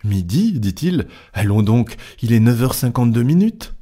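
A man voicing a chatty, excitable young French manservant in an audiobook, talking eagerly and fast. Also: mid-range voice, pitched above the performer's own voice. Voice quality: eager, quick, talkative. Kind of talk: audiobook character voice.

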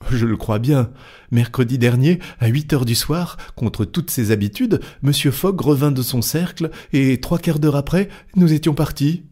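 A man voicing a chatty, excitable young French manservant in an audiobook, talking eagerly and fast. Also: mid-range voice, voice pushed up, lightly acted. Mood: excited. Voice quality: eager, quick, talkative. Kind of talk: audiobook character voice.

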